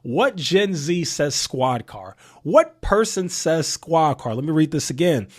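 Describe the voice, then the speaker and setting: A man's voice: on the high side, big pitch swings, a little slow. A thirty-year-old man giving casual political commentary to his viewers, emphatic and full of rhetorical questions, often repeating himself. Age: 30s. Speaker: commentary channel host.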